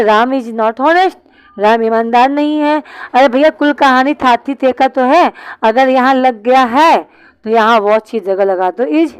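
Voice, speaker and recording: A woman's voice: fairly high pitch, clear, resonant tone, no room sound, low-quality recording. A woman teaching an online English class, explaining step by step and answering her own questions.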